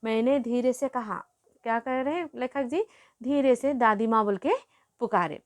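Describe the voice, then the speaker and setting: Higher-voiced woman teacher glossing words. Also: a little slow. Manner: repeats and glosses hard words, calls pupils "beta". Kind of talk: explaining a Hindi lesson story to pupils.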